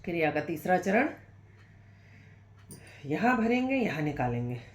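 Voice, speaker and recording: A woman yoga instructor talks students through a guided breathing exercise lesson, patient and encouraging as she explains each step. Her voice sits low and carries a sore-throat cough. The room around her echoes. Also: big pitch swings, measured pace.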